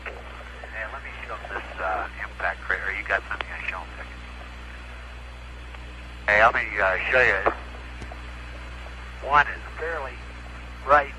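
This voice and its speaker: Man breaking up over a crackly radio link. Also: fairly low pitch. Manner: halting, thinking aloud with many pauses and fillers. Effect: voice breaking up and dropping out over the radio link. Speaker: astronaut describing the lunar surface from orbit. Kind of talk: live radio air-to-ground report. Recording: noisy, crackling radio transmission.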